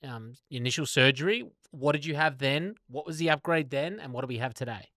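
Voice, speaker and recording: A man co-hosting a podcast, asking questions in a casual, hesitant way with frequent pauses and restarts. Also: mid-range voice, pushed and bright, dry recording, clean studio sound. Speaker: podcast co-host. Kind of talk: casual interview conversation.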